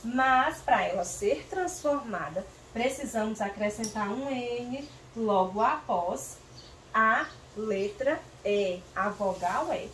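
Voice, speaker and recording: A woman teacher from northeastern Brazil leading a slow, patient reading lesson for young children, sounding out syllables clearly and calling on pupils by name. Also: a little high, lively intonation, a bit bright. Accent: Brazilian Portuguese, northeastern. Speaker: primary school teacher. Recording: roomy, distant mic with faint noise.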